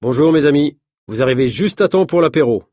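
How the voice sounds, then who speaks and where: A man's voice: a little high, expressive, brisk, dark tone, no echo, studio quality, pitched above the performer's own voice. A man voicing a confident male daredevil, breezy and self-assured, in a read-aloud story. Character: confident male daredevil showman, friendly host.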